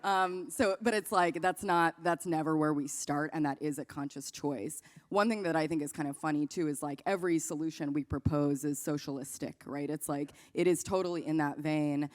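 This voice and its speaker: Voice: medium pitch, normal speed, few pauses. A panelist speaking candidly about organizing, with wry asides. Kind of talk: panel discussion.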